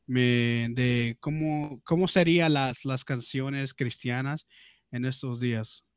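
A man co-hosting a casual podcast chat, animated and exclamatory, laughing a lot and mixing Spanish and English. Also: medium pitch, slow pace, clean tone, no echo. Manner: switches between Spanish and English. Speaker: podcast co-host.

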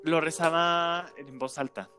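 A man with a Mexican accent tells a story in relaxed, slangy speech, leaning on fillers and tag questions. His delivery is animated and conversational, and faint music plays behind him. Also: on the high side, unhurried. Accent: Mexican Spanish. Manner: animated, colloquial, filler-heavy with frequent "este" and "¿no?". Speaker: storyteller guest. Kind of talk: casual spoken storytelling.

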